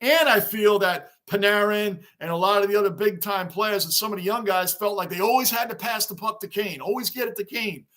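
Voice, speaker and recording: A man hosting a casual sports livestream, chatting excitedly and shouting greetings as he reads viewer comments. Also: high-pitched, brisk, few pauses. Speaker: livestream host. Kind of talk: casual livestream chat reading fan comments.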